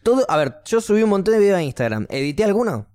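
A man's voice: high-pitched, big pitch swings, racing, dark tone, no room sound, studio quality. A man with a Rioplatense accent hosting a podcast, chatting casually and bluntly, swearing freely. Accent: Rioplatense Spanish. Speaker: podcast host. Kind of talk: casual chat.

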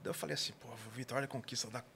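A man's voice: medium pitch, very fast, gravelly, a little hiss or hum. A man with a caipira Brazilian Portuguese accent from interior São Paulo, telling stories casually in slang and acting out dialogue. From interior São Paulo state, Brazil. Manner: animated, slangy, acts out dialogue. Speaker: guest, barbecue cook and gastronomy consultant. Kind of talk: casual storytelling.

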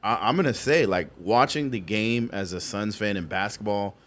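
Male co-host, lowish register, informal conversational podcast delivery. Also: moderate pace, fairly bright tone. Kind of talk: casual chat.

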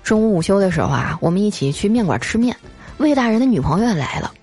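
Lively woman telling funny stories. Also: medium pitch, slightly rough, faint music behind. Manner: lively, drawn-out "啊" fillers between phrases. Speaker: storyteller host. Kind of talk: scripted comic storytelling.

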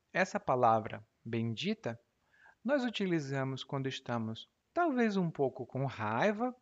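Man, Brazilian Portuguese accent, patient podcast teacher, mid-pitched voice, dull lo-fi audio. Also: fairly bright tone. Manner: patient, explains words slowly with examples. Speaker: language teacher and podcast host. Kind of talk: explanatory podcast lesson.

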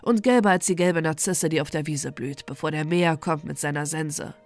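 A woman voicing a proud male yellow rose bush in a bedtime storybook, slow and stately. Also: sits low, pitched below the performer's own voice. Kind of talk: storybook reading.

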